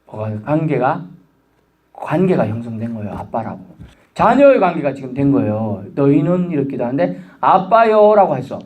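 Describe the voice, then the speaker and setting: A man's voice: medium pitch, brisk. A middle-aged man preaching a sermon as pastor, talking to the congregation and acting out a child's pleading voice. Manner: animated, acts out a child's pleading voice.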